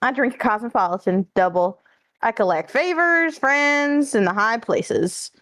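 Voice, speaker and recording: A woman's voice: a little high, lively intonation, unhurried, fairly bright tone, dry recording. Woman acting a smug, wisecracking lawyer to the rich. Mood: breezy, playful. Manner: wry, flippant, wisecracking. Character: smug, worldly female lawyer to the rich and infamous. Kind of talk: fan dub character acting.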